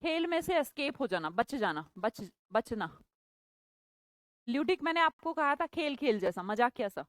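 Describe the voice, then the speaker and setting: A woman's voice: on the high side, very animated, normal speed, dry recording. A woman teaching English vocabulary in a live online class, chatty and playful, teasing her students by name.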